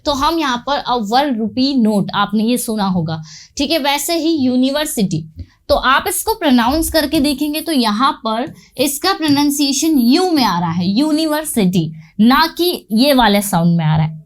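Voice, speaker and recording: A woman's voice: high voice, animated, normal speed. A woman with an Indian accent teaching an English grammar lesson, explaining step by step and asking and answering her own questions.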